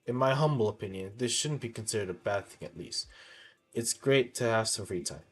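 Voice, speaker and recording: A man's voice: fairly low pitch, expressive. A man reading a video game's story dialogue aloud, stumbling now and then and correcting himself. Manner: halting reading with misreadings corrected. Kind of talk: reading game story text aloud with reactions.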